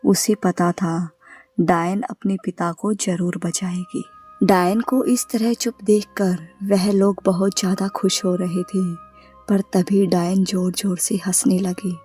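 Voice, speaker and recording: Slow husky woman narrating horror. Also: fairly low pitch. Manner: slow, even storytelling. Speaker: storyteller. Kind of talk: scripted horror story narration. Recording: faint background music.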